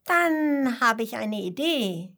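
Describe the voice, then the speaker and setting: A woman's voice: fairly high pitch, animated, takes it slowly, fairly bright tone, full character voice. A woman voicing a small, curious, helpful flea in a children's story, with an eager, chirpy delivery.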